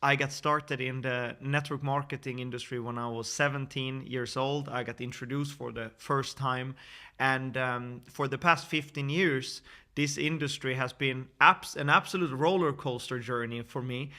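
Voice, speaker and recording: A man's voice: medium pitch, fairly even intonation, moderate pace, sharp tone. A man in his thirties from Sweden, giving an earnest, persuasive screen-share sales presentation with frequent fillers and restarts. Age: 30s. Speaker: network marketing presenter.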